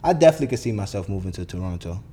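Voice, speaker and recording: A man's voice: sits low, animated, rapid-fire, mellow, slightly rough. A young man, ranting bluntly and profanely as a podcast host. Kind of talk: solo podcast monologue.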